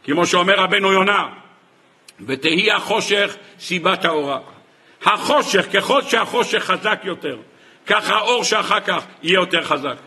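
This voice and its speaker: A rabbi giving a sermon on the weekly Torah portion, impassioned, rising into pleading and dropping to hushed asides, slowing down when quoting sources. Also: male voice, expressive. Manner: impassioned, swinging between raised pleas and hushed low asides.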